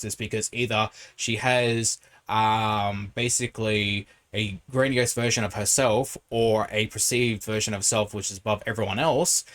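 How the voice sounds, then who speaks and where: A man's voice: fairly low pitch, a bit bright. A man hosting a reaction video, giving casual commentary in a critical, explanatory way.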